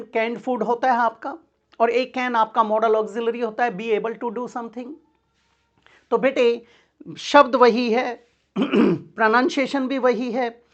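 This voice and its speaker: Female grammar teacher with a somewhat high voice; patient question-and-answer delivery, slightly muffled recording. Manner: explains step by step, asks the class questions and answers them herself; calls her students "beta". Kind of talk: exam-prep grammar lesson.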